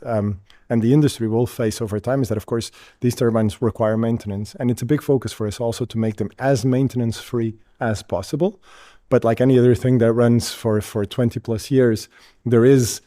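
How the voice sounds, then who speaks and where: Halting Portuguese-born man, mellow tone. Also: medium pitch, no room sound, clean studio sound. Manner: halting, repeats words at phrase starts. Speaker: wind energy company representative. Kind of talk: interview answer, explanatory.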